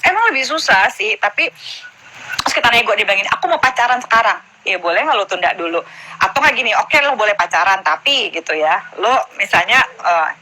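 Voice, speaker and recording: A woman's voice: mid-range voice, expressive, a little fast, sharp tone, slight background noise, low-quality recording. A woman, a guest in a casual live stream chat, explaining frankly and acting out conversations with her daughter. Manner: frank, explanatory, acts out dialogue. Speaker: guest, mother of a teenage daughter.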